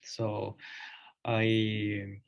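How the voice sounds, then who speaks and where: Man in his thirties, from Colombia, low flat voice, hesitant, lots of fillers. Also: extremely slow, creaky. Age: 30s. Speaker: guest speaker. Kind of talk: presentation.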